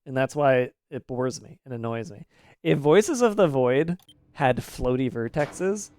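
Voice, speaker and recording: A man's voice: mid-range voice, animated, measured pace, darkish tone, no room sound, clean studio sound. A man in his thirties streaming a game live, talking in an opinionated, ranty way with casual swearing.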